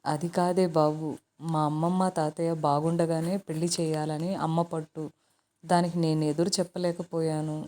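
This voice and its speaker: A woman's voice: low voice, level tone, moderate pace, mellow, close to an everyday voice. A woman voicing a headstrong young daughter. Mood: coaxing. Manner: sulky, wheedling. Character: headstrong pampered young woman, new mother.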